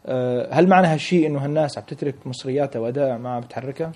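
A man's voice: mid-range voice, racing, darkish tone. A man with a Lebanese Levantine Arabic accent putting questions to a guest as an interviewer.

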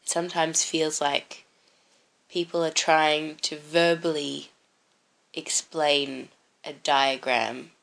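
A woman's voice: sits low, level tone, slow, creaky, a bit bright, poor audio. A woman interviewing casually, asking curious, probing questions. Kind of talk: casual conversation.

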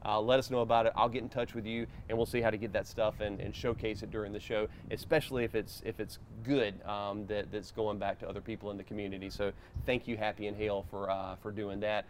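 A man's voice: fairly low pitch, flat delivery, quick pace, hardly any pauses, a little hiss or hum. A man hosting a casual interview show, recorded outdoors in a backyard.

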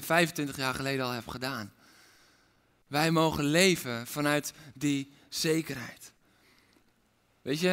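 A man's voice: fairly high pitch, pushed and bright, clear, resonant tone. Impassioned male preacher in a reverberant hall. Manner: impassioned, repetitive preaching cadence. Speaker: pastor. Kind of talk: sermon. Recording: long reverb of a large hall.

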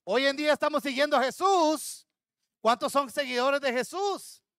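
A man's voice: very high voice, moderate pace, a bit bright, no echo, studio quality. A man pastor preaching a sermon to his congregation, acting out the words of biblical figures. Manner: addresses congregation as brothers.

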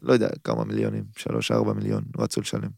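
A man in his thirties spins a story in casual chat, jumping between his own lines and the other person's. His voice has a gravelly, fried edge, recorded dry and close to the mic. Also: lowish voice, no room sound. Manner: animated, acts out both sides of phone calls. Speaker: guest footballer.

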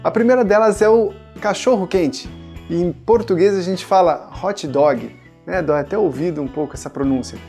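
A man's voice: sits high, brisk, mellow, soft background music. A man in his thirties from Brazil, an English teacher giving a casual pronunciation lesson and coaching viewers to repeat words after him.

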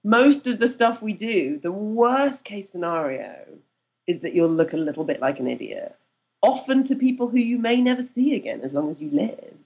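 Animated woman acting out her own quotes. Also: medium pitch, normal speed. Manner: lively, acts out quotes with changed voices; laughs easily, self-deprecating. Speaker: guest, networking mentor and storytelling coach. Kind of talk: casual podcast conversation.

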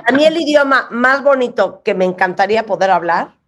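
A woman hosting a radio talk show, briskly steering the chat. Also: on the high side, expressive, fairly bright tone. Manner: brisk, directing the conversation. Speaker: radio host.

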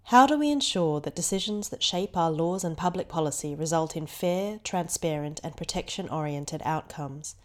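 Woman narrating a podcast intro, lower voice, clear and even read. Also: normal speed, hardly any pauses. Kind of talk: scripted narration.

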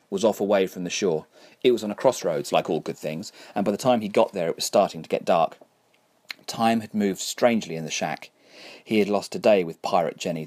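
Man, very low voice, audiobook narration, measured, wry. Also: darkish tone.

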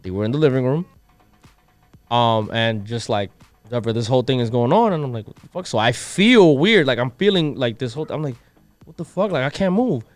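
A young man on a podcast, casually telling an animated story in slang and switching into Spanish at times. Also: medium pitch, brisk, dry recording, soft background music. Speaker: podcast co-host. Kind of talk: casual chat.

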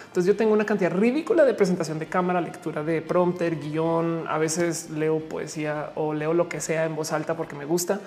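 A chatty Mexican woman in her forties, a streamer answering chat, reads comments aloud during a casual live chat and laughs often. Her voice is on the low side with a darkish tone.

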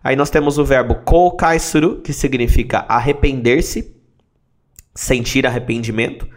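A man teaching a phrase lesson, methodically breaking words into their parts and repeating them slowly. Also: medium pitch, steady tone. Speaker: language teacher. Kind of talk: explaining phrases in a lesson series.

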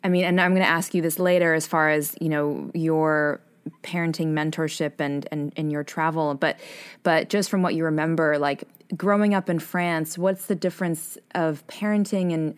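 A woman's voice: low voice, clean tone. A woman hosting an interview, asking long, winding questions in an attentive way. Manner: attentive, with frequent backchannel murmurs. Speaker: host. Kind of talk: conversational interview.

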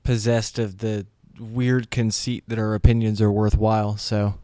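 Dry-witted man, smooth voice. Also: on the low side, flat delivery, moderate pace, mellow, no echo. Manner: dry, wry humor. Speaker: podcast co-host. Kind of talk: casual chat.

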